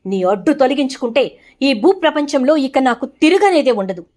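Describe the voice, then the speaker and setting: A woman's voice: high voice, lively intonation, moderate pace, a little mellow. A woman doing a scheming young villainess. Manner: bitter, possessive, defiant.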